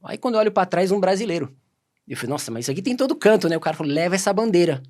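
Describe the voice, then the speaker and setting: A Brazilian man talking at a rapid clip with a fairly high voice. He tells his stories casually and animatedly, jumping into quoted dialogue as he goes. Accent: Brazilian Portuguese. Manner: animated, quick anecdotes full of quoted dialogue. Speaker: podcast guest. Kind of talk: casual storytelling.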